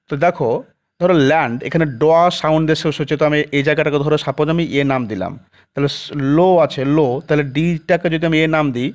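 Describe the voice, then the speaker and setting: Teacher slowly explaining a poem to students. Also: male voice, a little high. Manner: explains slowly, asks "ঠিক আছে?" after nearly every point; mixes English phrases into Bengali, reading English definitions very slowly. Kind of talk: classroom lecture.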